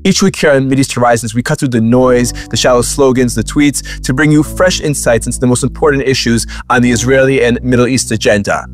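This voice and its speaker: A man's voice: medium pitch, brisk, few pauses, faint music behind. A man co-hosting a podcast, chatting casually with fillers and restarts, then introducing the show and a guest. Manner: conversational, with frequent fillers and restarts. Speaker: podcast co-host.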